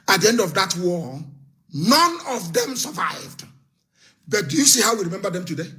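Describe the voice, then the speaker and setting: Fiery man, high bright voice. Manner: fiery, scornful, repetitive. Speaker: political activist leader. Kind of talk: impassioned political broadcast.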